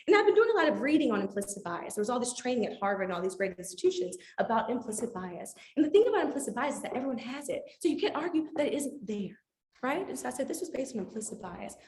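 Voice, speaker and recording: Animated woman telling a story in an echoey room. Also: high voice. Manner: animated storytelling, acts out dialogue with laughs. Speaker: physician speaker. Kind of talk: talk to a live audience. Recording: echoey room with faint noise.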